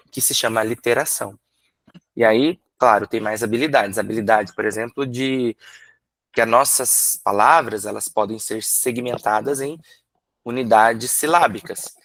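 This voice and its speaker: A man from Brazil, a literacy teacher, explaining in a workshop lecture, asking himself rhetorical questions and sounding out syllables slowly. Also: medium pitch, a bit bright, no echo.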